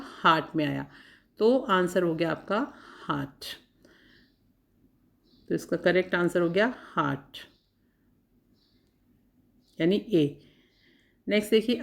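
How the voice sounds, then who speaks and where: A woman teacher giving an exam-prep lesson. She sounds out words one by one, repeats them, and reads questions out very slowly. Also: lowish voice, animated, gravelly, fairly bright tone.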